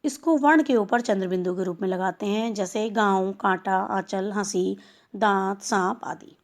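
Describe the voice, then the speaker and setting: A woman teacher giving a recorded lesson to young schoolchildren, speaking slowly and spelling out each sound one by one. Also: mid-range voice. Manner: slow, explanatory, spelling out sounds. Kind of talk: recorded class lesson for children.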